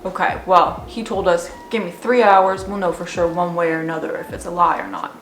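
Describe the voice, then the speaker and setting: A woman's voice: lowish voice, steady tone, fairly quick, a bit bright, lightly acted. A woman playing both parts of a re-enacted conversation, here voicing a blunt, careless male construction coworker. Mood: gossipy. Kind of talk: acted dialogue re-enactment. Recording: roomy echo, faint music.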